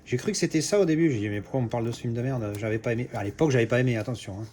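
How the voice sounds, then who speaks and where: A man's voice: medium pitch, rapid-fire, a little mellow, slight background noise. A man talks through an unboxing in a loose, chatty way. He hesitates often, restarts his sentences and swears casually as he goes. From Marseille, France. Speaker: collector doing unboxings.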